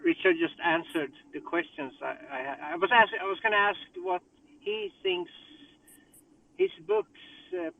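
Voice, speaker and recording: Male caller on a car speakerphone while driving, high-voiced, thinking aloud in halting bursts. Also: lively intonation, creaky. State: distracted by driving. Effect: car speakerphone call while driving. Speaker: caller in a group discussion. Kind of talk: casual group call chat. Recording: tinny distant phone line from a car.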